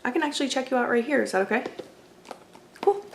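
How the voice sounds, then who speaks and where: This woman's voice is high-pitched, animated, fast and creaky, with noise in the background. Playing an obliging video game shop clerk for ASMR, she chats with customers in a casual, courteous, apologetic manner.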